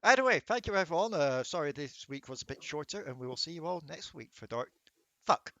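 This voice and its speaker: Give me a dungeon master signing off, casual and swearing, with a dry close sound. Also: male voice, fairly high pitch, expressive, fairly quick, sharp tone, no echo, muffled recording. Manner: laughing, swearing, rambling. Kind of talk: casual chat at end of a tabletop game session.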